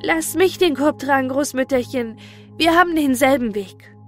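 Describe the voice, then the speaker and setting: A woman voicing a ragged young street boy in a storybook reading, high, loud and bawling. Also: normal speed, faint music behind, natural voice. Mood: eager.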